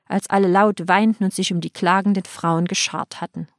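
Woman narrator, measured epic audiobook read, dry close sound. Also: mid-range voice, fairly even intonation, no room sound. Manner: solemn, measured storytelling.

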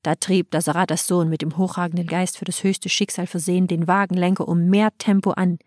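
Woman narrator, measured epic audiobook read, dry close sound. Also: lowish voice, level tone, a little mellow, no room sound. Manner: solemn, measured storytelling.

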